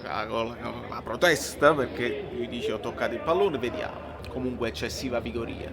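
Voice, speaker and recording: A man's voice: mid-range voice, normal speed. A man with a Neapolitan Italian accent giving a casual, spontaneous football reaction, colloquial, slangy and exclamatory. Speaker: football fan doing a live match reaction. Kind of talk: casual spontaneous match commentary. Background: football match broadcast with crowd.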